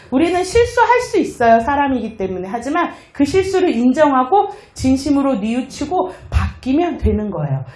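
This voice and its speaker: A middle-aged woman giving a motivational lecture, telling stories, acting out dialogue and leading the audience in chants. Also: fairly high pitch. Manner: lively, leads audience in chants, acts out dialogue. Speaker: lecturer on happiness and communication. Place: lecture hall with live audience. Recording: echoey lecture room.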